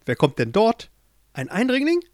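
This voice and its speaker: A man's voice: high-pitched, wildly swooping pitch, normal speed, no echo, clean studio sound, pitched above the performer's own voice. Storybook ant queen, haughty and commanding, voice pushed way up and swooping, as a male narrator does her. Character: grand bossy female ant queen.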